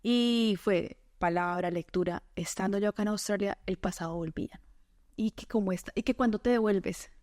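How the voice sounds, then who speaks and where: A Colombian woman tells her personal faith testimony as a podcast guest, earnest and quick to laugh, often quoting her own words. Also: medium pitch, darkish tone, dry recording, studio quality. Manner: earnest storytelling, quick to laugh, quotes herself and God.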